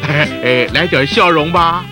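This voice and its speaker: A man's voice: on the high side, unhurried, music in the background, lightly acted. A man with a Taiwanese Mandarin accent playing a teasing, scolding mentor who narrates and coaches, chatty and sarcastic. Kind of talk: comic instructional narration.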